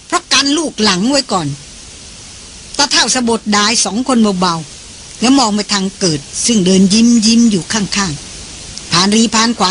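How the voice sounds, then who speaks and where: Audiobook reader doing steady novel narration, middle pitch, little bit of hiss.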